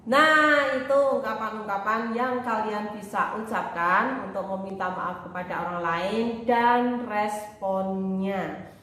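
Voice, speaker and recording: A woman teacher in a recorded video lesson, chatty and explaining at a mid-range pitch. Her voice rings around a very echoey room, and a faint hiss of background noise sits under it. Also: bright, forceful tone. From Indonesia. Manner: chatty, explains in Indonesian mixed with English phrases; models English phrases slowly for students to repeat. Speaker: English teacher.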